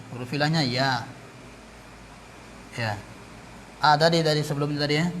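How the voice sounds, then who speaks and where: A male teacher walks through grammar points at an unhurried, careful pace, repeating terms and pausing to correct himself. His voice sits a little high for a man. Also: background noise. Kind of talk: classroom grammar lesson.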